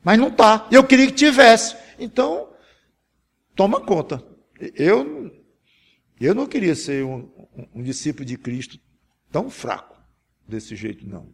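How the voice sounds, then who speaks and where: A man delivering a sermon, his voice gravelly with a husky edge and sitting somewhat high for a man. He talks in an earnest, pleading way, often breaking off and restarting his phrases. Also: sing-song, unhurried, long pauses. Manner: earnest, pleading, with many restarts and self-corrections. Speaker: preacher. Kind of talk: sermon with a spoken example prayer.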